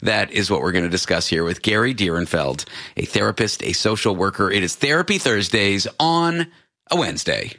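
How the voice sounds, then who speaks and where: A bright, clear-toned man in his late thirties hosting a radio talk show. His pitch swings widely as he banters with his guest, playful and quick to mock himself. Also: lively intonation. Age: 30s. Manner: playful, self-mocking banter.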